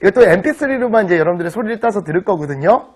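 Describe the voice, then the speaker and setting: A middle-aged man teaching an online vocabulary lecture in an animated, teasing way, often checking that students follow. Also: high voice, racing. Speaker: English teacher.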